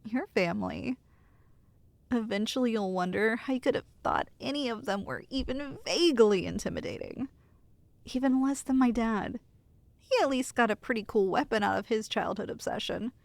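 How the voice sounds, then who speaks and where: In this intimate ASMR roleplay, a woman voices an affectionate girlfriend who teases playfully and gently reassures her nervous partner. Her somewhat high, creaky voice is captured dry and close with no echo, and she speaks at a moderate pace, sounding warmly amused.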